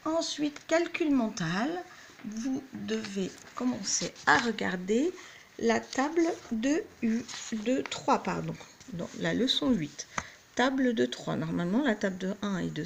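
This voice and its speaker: A woman's voice: mid-range voice, slight background noise. A woman teacher giving a patient, step-by-step lesson to young children at home. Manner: patient, clear, explains step by step. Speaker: primary school teacher.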